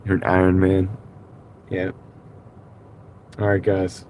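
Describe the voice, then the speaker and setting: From his car at night, a man hosts a casual livestream, rambling, reading the chat aloud, and chuckling often. His voice is low, monotone, slow, and a little mellow, as well as slightly rough and nasal from congestion. He's on a wireless clip-on mic with a little hiss or hum.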